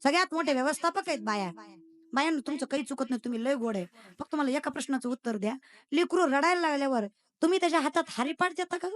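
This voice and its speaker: A woman's voice: high-pitched, expressive, quick pace. A young woman giving a comic devotional sermon. She teases the crowd, fires quiz questions at them and slips in English phrases. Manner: teasing, quizzes the audience and mixes in English phrases. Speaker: kirtan preacher. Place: stage at a devotional gathering.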